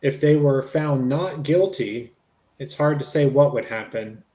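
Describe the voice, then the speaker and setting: In a dramatic reading of an interview transcript, a man voices a courteous, reassuring police investigator, speaking matter-of-factly and repeating himself along the way. His delivery is a little slow and lightly acted, in a mid-range voice with a darkish tone. There's echo from the room.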